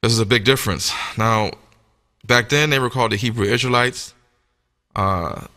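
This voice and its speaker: Speaking at a moderate pace with a sharp tone and medium pitch, a man gives an emphatic, teacherly sermon-style lecture with scripture reading. The hall is echoey, leaving a long reverb.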